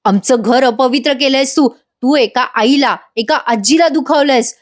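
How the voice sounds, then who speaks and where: A wounded mother and grandmother, read by a woman speaks coldly and accuses the woman before her. Her voice sits high. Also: measured pace. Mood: accusing. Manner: cold, accusing.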